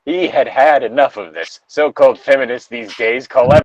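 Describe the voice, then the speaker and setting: Over a remote voice call, a medium-pitched man co-hosts a fan fiction reading show, mixing casual banter and commentary with rambling, halting digressions. The recording is dry and dull, captured in a close setup.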